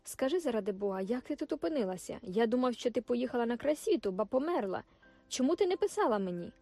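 A woman's voice: a little high, a little fast, darkish tone, soft background music, lightly acted. A woman reading the lines of a brash, dismissive young male soldier, curt and commanding. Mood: hurried.

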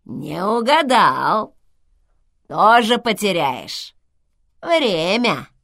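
A woman voicing a rude, creaky old woman speaking through an enchanted intercom, slow, loud and mocking. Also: medium pitch, big pitch swings, no echo, studio quality, full character voice. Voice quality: creaky, hoarse.

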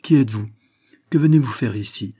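A man's voice: medium pitch, a little fast, dark tone, husky, no room sound, studio quality, close to an everyday voice. A man reading aloud voices a young woman who is anxious and pleading, her voice trembling. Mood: alarmed.

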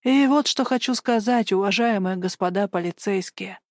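A woman's voice: mid-range voice, moderate pace, a little mellow, no room sound, studio quality, lightly acted. A woman voicing a nervous, fidgety older male pensioner in an audiobook, jittery and self-important. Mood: fussy. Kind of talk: audiobook character voice.

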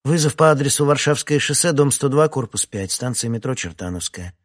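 A man voicing a flustered, shrill middle-aged woman coordinator in a storybook reading. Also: expressive, lightly acted. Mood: hesitant. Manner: loud, shrill and rushed.

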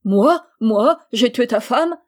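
A tyrannical old sea king barks his words with brusque, scolding fury, put on by a woman reading a fairy tale aloud. His voice rides a little higher and louder than the narration around it, yet stays dark and mellow in tone. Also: moderate pace, lightly acted. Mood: furious.

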